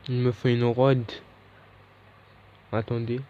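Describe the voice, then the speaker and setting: A man's voice: medium pitch, monotone, slow, dark tone. A young man giving casual, chatty commentary over his own gameplay, often correcting himself as he talks. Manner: loose, chatty, self-correcting. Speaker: gaming YouTuber. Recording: dull lo-fi mic, faint hiss.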